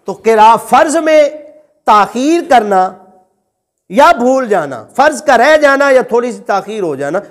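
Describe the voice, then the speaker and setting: A male religious teacher lectures in a very high, highly animated voice, and the sound carries the spaciousness of a big room. He patiently repeats and explains his points, putting questions to his listeners and then answering them himself.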